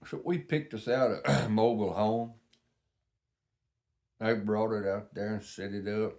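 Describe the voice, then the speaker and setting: A man's voice: on the low side, steady tone, unhurried, a little mellow. An older man with a Southern US accent, telling rambling stories in a casual, folksy, plain-spoken way. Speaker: vlogger.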